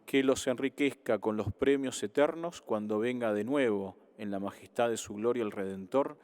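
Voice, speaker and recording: A male priest with a mid-pitched voice leads the liturgy. He recites prayers and blessings in a solemn, formal way, setting out each phrase in measured fashion. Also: darkish tone. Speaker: priest presiding at Mass.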